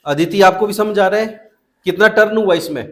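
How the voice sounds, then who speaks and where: In a classroom, a young man teaches children math at normal speed in a high-pitched voice, using both Hindi and English. His style is questioning, prompting students again and again to answer.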